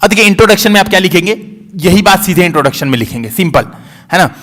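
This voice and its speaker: Male coaching teacher, slightly high voice, casual step-by-step explainer. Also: expressive, fast, fairly bright tone. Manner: conversational, repeats "ठीक है", explains step by step. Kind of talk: casual Hindi classroom explanation.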